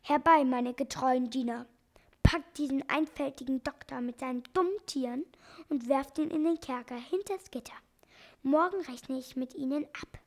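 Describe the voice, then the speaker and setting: A woman voicing a villainous robber chief in a storybook, giving loud, commanding orders. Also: high voice, moderate pace.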